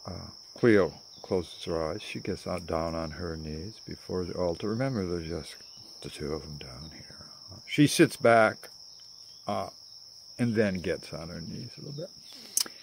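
An older man narrates an improvised tale slowly, pausing and rambling between thoughts. His low voice rises and falls freely, with faint crickets and insects around him outdoors in a garden. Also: expressive, gravelly, slight background noise. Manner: rambling, slow, many pauses and fillers. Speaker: storyteller.

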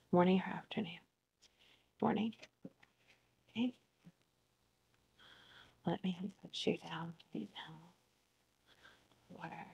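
A woman plays a therapist in an ASMR role-play. Her voice is very breathy and slips between soft voice and soft, creaky speech. She takes her time, soothing and encouraging as a therapist would. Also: on the low side, dull audio. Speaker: ASMR performer playing a therapist. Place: living room at home, seated on a couch.

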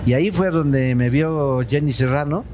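A man in his sixties from Bolivia, a comedian and dental technician, chatting as a guest in a relaxed, storytelling way and calling the host brother. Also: fairly high pitch, normal speed, slight background noise. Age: 60s. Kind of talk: casual interview chat. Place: studio set with a round table, at night.

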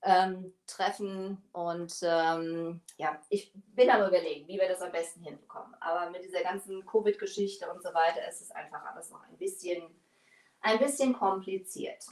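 A woman's voice: fairly low pitch, fairly even intonation, normal speed, darkish tone, distant mic. A woman in her forties hosting a live furniture painting tutorial, chatting while she works at her bench. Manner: chatty, bent over her work while talking. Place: small workshop studio, indoors. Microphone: far camera, no mic seen. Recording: echoey room, voice off-mic.

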